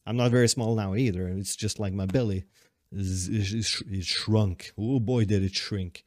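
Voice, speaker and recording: Podcast host, man in his late twenties, low-ish voice, loose rambling chat, dry close recording. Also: fairly even intonation, a little slow, a little mellow, no echo. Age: 20s. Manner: rambling, self-correcting, laughs often. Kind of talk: casual solo podcast chat.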